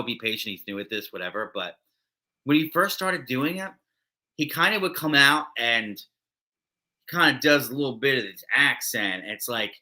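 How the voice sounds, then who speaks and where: A man with a mid-range voice that sounds pushed and bright co-hosts a wrestling recap show. The talk is casual podcast chat, and he rambles along with many fillers and false starts.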